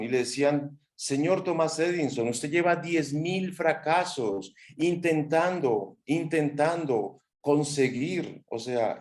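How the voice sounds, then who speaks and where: A man at a middle pitch giving a motivational class talk. He speaks expressively and drops in sound words and acted-out quotes. His voice rings in an echoey room. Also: darkish tone.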